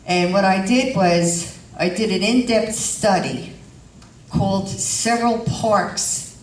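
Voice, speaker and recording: A woman giving halting, explanatory informal remarks at a community board meeting. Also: medium pitch. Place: indoor meeting room, far from mic. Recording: distant, echoey room with faint noise.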